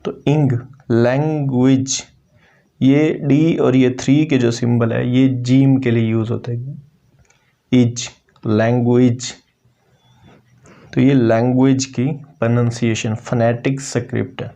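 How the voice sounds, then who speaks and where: A male English teacher gives a pronunciation lesson. He explains each point in a calm, even voice and says the target words over and over at a slowed pace. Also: mid-range voice, gravelly. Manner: repeats words slowly to model pronunciation.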